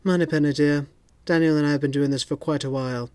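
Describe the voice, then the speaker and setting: A man voicing a suave male secret agent with smooth, dry wit. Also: on the high side, steady tone, quick pace, a little mellow, dry recording, lightly acted.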